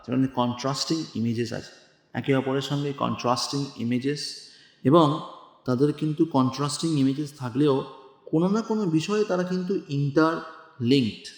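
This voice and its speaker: A man's voice: medium pitch, moderate pace, roomy sound, long reverb tail. A man teaching an English poem, reading lines aloud, spelling out words and asking his students questions. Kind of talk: poetry lesson explaining lines.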